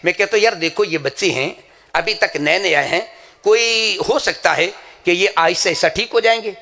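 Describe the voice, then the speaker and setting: At a madrasa gathering, a Pakistani man delivers an impassioned sermon, telling anecdotes and swearing to his sincerity. His voice is high-pitched with a sharp tone.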